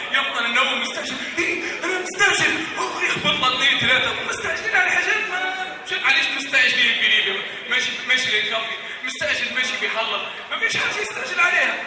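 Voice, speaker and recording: A man with a Libyan Arabic accent performs stand-up as an escalating comedy rant, exclaiming and repeating phrases to an audience. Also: very high-pitched. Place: live venue with audience. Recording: echoey hall, distant mic, noisy crowd.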